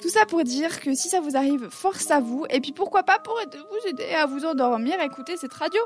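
Lady radio host chatting away, kinda high voice, laughs a lot, soft music going under her. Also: lively intonation, fairly quick. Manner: chatty, laughs often between lines. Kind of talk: casual radio chat. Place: radio studio. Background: faint music bed.

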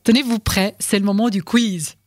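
A woman's voice: mid-range voice, fairly even intonation, normal speed. A woman hosting a radio quiz from a studio, teasing her guests and laughing often between questions.

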